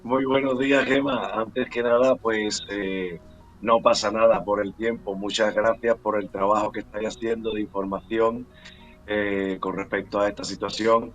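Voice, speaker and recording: A man's voice: lowish voice, steady tone, moderate pace, faint music behind. A middle-aged man from Cuba, an actor and playwright, answering interview questions with many fillers and restarts.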